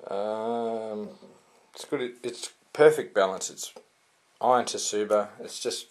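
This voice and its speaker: A man's voice: medium pitch, very animated, takes it slowly, creaky. A man giving a casual, rambling product review with many fillers and restarts. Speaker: sword reviewer.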